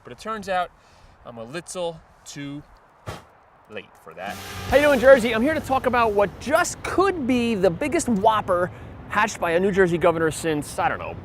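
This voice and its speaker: A man's voice: sits high, very animated, normal speed, a little hiss or hum. A man hosting and reporting from the field in a wisecracking, upbeat comic style.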